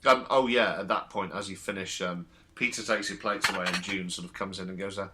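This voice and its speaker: A man's voice: deep voice, steady tone, a little fast, pushed and bright. A man working as game master, narrating in a casual, colloquial, loosely improvised way.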